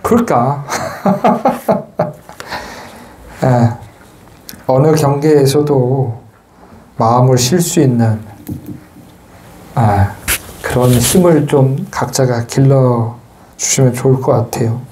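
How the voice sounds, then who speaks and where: A man's voice: mid-range voice, takes it slowly, pauses often, slight background noise. A man, a Buddhist monk, giving a Sunday dharma talk in a temple hall, chatty and teasing his listeners. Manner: chatty and joking, teases the listeners, shouts chants to demonstrate. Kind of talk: sermon.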